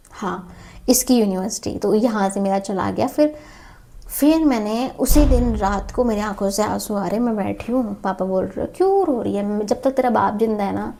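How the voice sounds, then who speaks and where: Young woman rambling through her own story, emotional, lots of restarts, soft mellow voice. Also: mid-range voice. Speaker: vlogger. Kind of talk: personal storytelling vlog.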